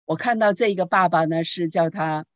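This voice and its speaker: A woman pastor giving a teaching talk on parenting, telling anecdotes in a lively way and asking the audience questions. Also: lowish voice, moderate pace, dry recording. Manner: lively storytelling with rhetorical questions.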